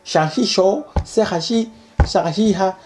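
A young man in his twenties hosting his own channel, reading comments aloud and joking about them in a playful, animated way, recorded indoors by a window. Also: high voice, measured pace, background noise. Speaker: channel host. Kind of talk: casual comedic commentary. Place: indoor room by a curtained window.

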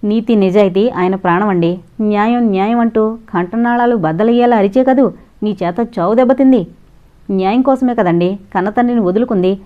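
A woman's voice: medium pitch, brisk, lightly acted. Woman reading fierce, loyal middle-aged wife. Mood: heated. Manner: heated, forceful. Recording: dull lo-fi recording.

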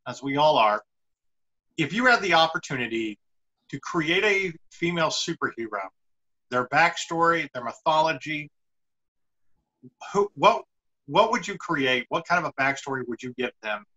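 A middle-aged show host interviews someone casually over a video call from an indoor room, the audio a bit dull. His voice is fairly high, bright and forceful, expressive at a normal pace with frequent pauses.

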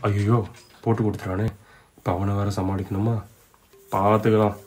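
A man puts on a worried middle-aged dad who mutters his private thoughts under his breath. The voice sits low and rumbly, as if talking to himself in a comedy sketch. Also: little pitch movement, moderate pace, darkish tone, soft background music, natural voice. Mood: muttering.

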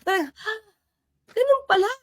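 A woman giving casual political commentary, animated and sarcastic as she replays and reacts to clips. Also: extremely high pitch, normal speed.

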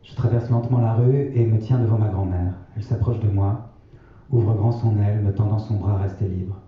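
A man reading his own novel aloud in a measured, sober way. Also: on the low side, fairly even intonation. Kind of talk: literary reading. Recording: echoey, distant, slightly dull.

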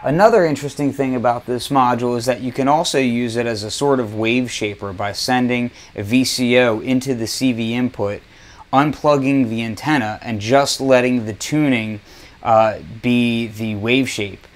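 A man gives a casual hands-on demonstration of a synthesizer module, explaining each step as he goes. His medium-pitched voice has fairly even intonation and a moderate pace, with noticeable background noise behind him.

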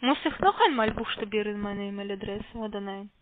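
A woman's mid-range voice comes through quite quickly on a muffled, narrow phone line. She's a call center agent who isn't a German speaker, and her sales-call questions are polite yet hesitant and repetitive.

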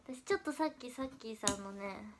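A woman's voice: lively intonation, brisk, background noise. A young woman chatting casually on her livestream while crafting, stuffy from a runny nose, pushing herself to sound upbeat. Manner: forced high energy, chatty. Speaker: idol livestreamer.

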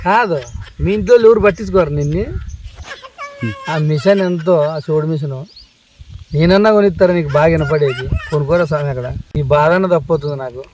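Exasperated man shouting at a deaf uncle. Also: fairly high pitch, brisk, slight background noise. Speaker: nephew in a comedy skit. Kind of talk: village comedy skit.

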